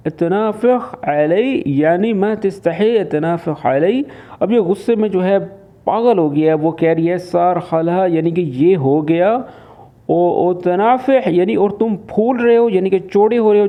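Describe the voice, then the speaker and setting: A man from Pakistan teaching, patiently explaining and translating spoken phrases. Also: on the high side. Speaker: Arabic teacher. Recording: phone-like lo-fi voice.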